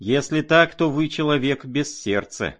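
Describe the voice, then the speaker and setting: A man's voice: medium pitch, big pitch swings, moderate pace, voice pushed up. A man voicing a proud, impetuous young woman who fires off insistent, jealous questions in a raised voice. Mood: heated.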